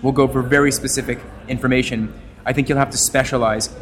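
Wordy, expressive man talking shop. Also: mid-range voice, fast, a crowd in the background. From Canada. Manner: expressive, wordy, plays with his voice. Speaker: guest, journalist and podcaster. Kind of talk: casual interview talk.

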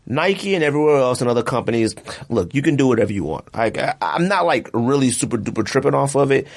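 A man hosts a casual podcast chat in a loose, colloquial, rambling manner, full of conversational filler phrases. His medium-pitched voice is gravelly and sing-song, delivered at a quick pace.

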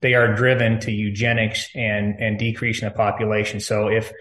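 Echoey room, guy with a lowish voice going on and on with urgent conspiracy warnings in an interview. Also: level tone, moderate pace, fairly bright tone. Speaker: interview guest. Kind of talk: unscripted political interview talk.

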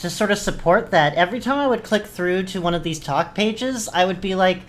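A woman's voice: mid-range voice, a little fast, slight background noise. A woman hosting a comedic podcast, hesitant with many fillers and frequent laughter. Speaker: podcast host.

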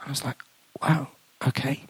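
Poor audio and a dry recording carry this moderately paced male voice. He's a guest preacher with an English accent, telling a story conversationally within his sermon and lowering to a hushed whisper when he prays.

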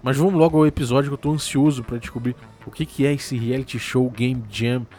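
A man's voice: medium pitch, steady tone, a little fast, mellow, soft background music. A man with a Brazilian Portuguese accent hosts a podcast in a casual, chatty, slangy way. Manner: informal, slangy. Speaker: podcast host.

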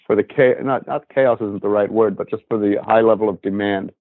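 A man's voice: lowish voice, normal speed, no echo. Rambling man on a tinny phone line. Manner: rambling, many fillers. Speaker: dog trainer and podcast host. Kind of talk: casual podcast chat.

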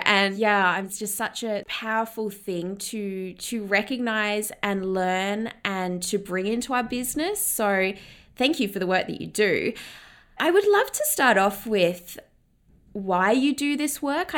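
A woman with a mid-pitched voice hosting a conversational interview in an effusive, informal way. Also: fairly bright tone. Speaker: podcast host, interviewer.

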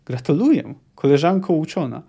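A man's voice: a little high, expressive, moderate pace, gravelly, mellow, husky, full character voice. A man voicing a stern old male scholar who lectures sarcastically, read aloud from a fantasy novel. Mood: stern lecturing.

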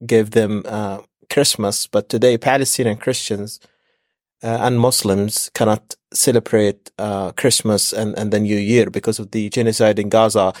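A man co-hosting a podcast, introducing guests in a measured way with frequent fillers. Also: on the low side, level tone, a little mellow, no room sound, studio quality. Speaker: podcast co-host.

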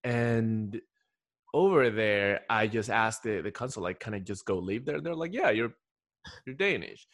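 Telling stories as a podcast guest, a man from Ecuador chats casually, rambling and repeatedly starting over. He has a lowish, slightly bright voice and sounds animated at a measured pace. The studio-quality recording has no room sound.

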